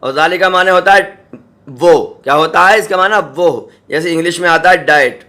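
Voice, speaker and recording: A man teaching Quran reading, spelling out syllables slowly and patiently and often checking that students follow. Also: sits high, pushed and bright. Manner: checks in with "samjhe?" and "theek hai". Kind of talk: spelling-out recitation lesson.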